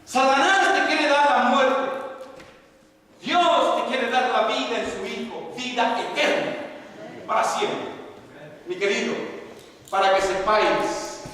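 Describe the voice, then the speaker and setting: An older man preaching a sermon as a pastor, swinging between loud impassioned cries and low murmured passages. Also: takes it slowly, pauses often. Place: church sanctuary. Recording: echoey church hall, distant mic, faint noise.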